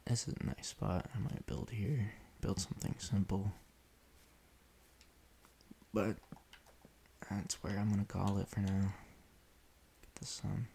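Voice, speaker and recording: A man casually rambling in an offhand, deadpan way while he plays a video game, often restarting his sentences. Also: lowish voice, slow, vocal fry, pauses often, a little hiss or hum. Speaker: solo podcaster playing a video game.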